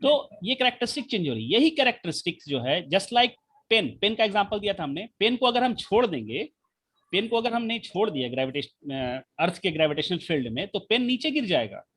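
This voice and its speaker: A man teaching a physics class online, explaining slowly with many repetitions and rhetorical questions, speaking with the mic held right at his mouth. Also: high voice, very animated, a bit bright, husky. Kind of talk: live online class lecture.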